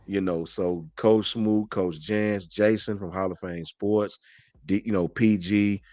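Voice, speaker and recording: Deep-voiced man chatting loosely. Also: steady tone, a little slow, darkish tone, no echo. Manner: rambling, repeats words, slangy. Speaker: guest on sports live stream. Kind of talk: casual chat.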